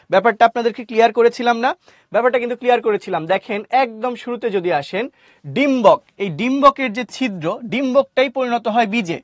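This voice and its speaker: A man teaching a live online biology class, repeating key terms slowly and quizzing his listeners. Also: high-pitched, no room sound, clean studio sound.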